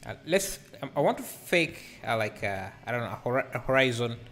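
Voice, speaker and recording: A man in his thirties, wearing a headset mic, livestreams a 3D art session with music playing behind him. His medium-pitched, sing-song voice moves briskly as he thinks aloud, uses lots of fillers, and reads and answers chat while he works, like a casual live tutorial.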